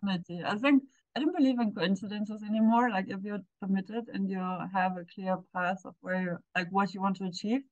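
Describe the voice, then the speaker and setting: A woman in her forties hosting a casual interview over a video call, gushing and warm, often pausing to search for words. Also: medium pitch, no echo. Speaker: podcast host. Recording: dry, muffled video call audio.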